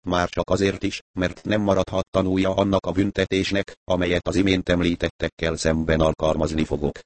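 A man voicing a remorseful, deranged male villain who speaks in a quiet, regretful, fatalistic way. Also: low voice, completely flat delivery, close to an everyday voice. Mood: calm remorse.

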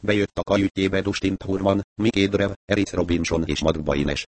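A man narrating an audiobook in a measured, even storytelling manner. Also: low voice, no room sound. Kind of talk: scripted narration.

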